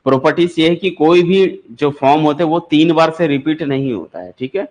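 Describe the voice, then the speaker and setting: A man's voice: fairly high pitch, animated, a little fast, darkish tone. Male maths teacher quizzing his class. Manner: explains step by step, quizzing students with repeated questions. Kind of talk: classroom lecture for exam prep.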